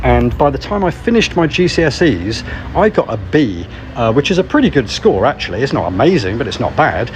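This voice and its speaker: A man's voice: mid-range voice, very animated, fairly quick. A British man from the UK talking to camera as a vlogger, chatty and reflective. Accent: British English. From United Kingdom. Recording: outdoor street noise.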